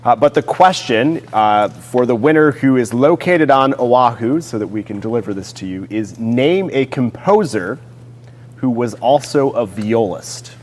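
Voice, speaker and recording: A man's voice: medium pitch, lively intonation, a little slow, darkish tone. A man co-hosting a casual chat show, easygoing, reading out sponsor thanks. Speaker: co-host. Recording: long reverb of a theater hall with faint noise.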